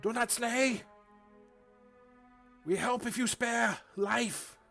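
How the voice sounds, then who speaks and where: High-pitched, pleading devil minion. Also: male voice, extremely slow, gravelly, pushed and bright, faint music behind, heavily acted. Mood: pleading, eager. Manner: pleading broken speech. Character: cowering devil minion begging for its life.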